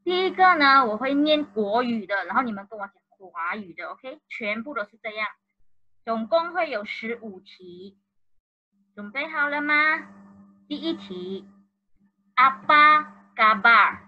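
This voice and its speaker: A woman's voice: fairly high pitch, sing-song, normal speed, highs cut off. A woman teaching an online primary school class in Malaysian Mandarin, mixing in Malay and English words and coaxing the pupils along. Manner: encouraging, coaxing. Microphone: video call.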